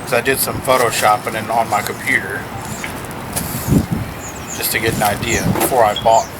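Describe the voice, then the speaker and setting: A man's voice: fairly low pitch, steady tone, moderate pace. A man giving a casual, playful car vlog with informal showman-like asides, recorded outdoors. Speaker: car vlogger. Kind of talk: casual unboxing and car modification chat. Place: outdoors in strong wind. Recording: loud wind noise hitting the microphone.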